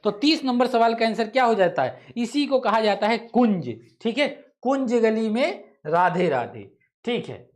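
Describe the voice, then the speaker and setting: An exam-prep teacher, male, with an extremely high-pitched voice and lively intonation, talks a bit slowly. He's teaching an online test-solving session where he restates each question, thinks aloud, catches his own mistakes, and makes casual asides.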